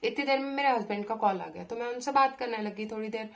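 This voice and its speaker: A young woman, telling a personal story in a chatty way, with pauses and fillers. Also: a little high, fairly bright tone. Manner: chatty, with many pauses and fillers, acting out her own angry replies. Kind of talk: casual storytelling.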